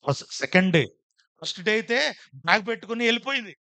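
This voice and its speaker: A man with a Telugu accent, a pastor telling a testimony in a sermon, moving from quiet storytelling to loud preaching. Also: sits high, lively intonation, fast talker, no echo. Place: church gathering.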